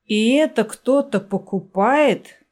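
Peevish young woman customer, read by a woman narrator, squeamish, slow. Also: on the high side, expressive, a little mellow, pitched above the performer's own voice. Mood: exclaiming. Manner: peevish, exclaiming.

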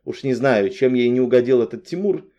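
A man's voice: medium pitch, muffled recording, natural voice. A man reading an audiobook, voicing a bossy, hot-tempered young woman who barks at her friend. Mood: angry. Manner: barking, quick to anger. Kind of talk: audiobook character voice.

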